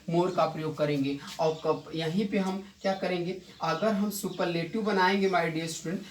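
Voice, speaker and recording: A male English grammar teacher giving a classroom lesson, repeating key points and quizzing his students with quick rhetorical questions. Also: high-pitched. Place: coaching institute classroom. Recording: echoey room, distant mic, faint noise.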